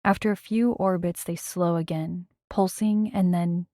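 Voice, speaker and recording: Woman reading a tense first-person audiobook, kinda low voice, super dry close mic. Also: steady tone, a little slow, mellow, no echo. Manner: tense, dramatic storytelling. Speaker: audiobook narrator.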